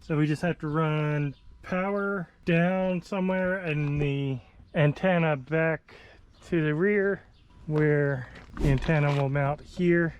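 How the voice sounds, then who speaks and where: A vehicle installer presents a how-to video, speaking slowly in a higher-pitched voice through dull-sounding audio. The walkthrough is hands-on, casual, and unscripted; he thinks aloud as he works, with noticeable vehicle noise making the recording noisy.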